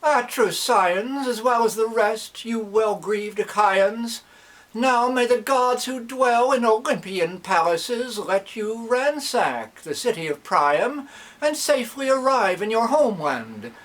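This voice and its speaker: A man voicing an old priest and pleading father, declaiming dactylic verse with solemn fervour in a slow, metered cadence. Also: very high-pitched, lively intonation, fairly bright tone, pitched above the performer's own voice, exaggerated voice, rough recording.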